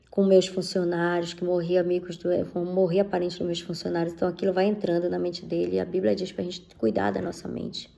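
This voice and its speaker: A woman's voice: lowish voice, creaky, warm tone. A middle-aged woman sharing her personal faith testimony in a conversational way, often tagging on questions and speaking straight to her listeners. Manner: conversational, leans on tag questions and fillers; speaks directly to listeners as beloved ones.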